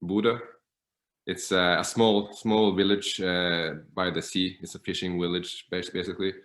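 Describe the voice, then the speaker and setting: A man in his thirties from northern Norway, a native Norwegian speaker, answers interview questions in a relaxed, hesitant way full of fillers. His voice sits fairly low and sounds roomy, as if echoing around the space he is in. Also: unhurried. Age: 30s. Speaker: guest guitarist. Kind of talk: casual interview.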